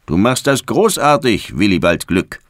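A man's voice: on the low side, very animated, slow pace, pushed and bright, no echo, clean studio sound, full character voice. A man doing an upbeat storybook dad. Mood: cheerful. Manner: upbeat, encouraging, later weary. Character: cheerful father, brushes off worries. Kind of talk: storybook reading.

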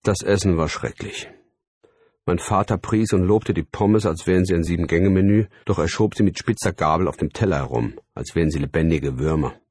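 A man's voice: low voice, fairly quick, darkish tone, dry recording. A man narrating a first-person story in a dramatic, tense style, voicing sound words vividly, close to a studio mic. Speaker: audiobook narrator.

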